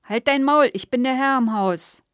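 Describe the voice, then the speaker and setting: A woman's voice: high-pitched, expressive, a little slow, dry recording, clean studio sound, voice pushed up. A woman voicing a drunk, violent father who slurs and roars. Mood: raging. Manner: slurred roaring.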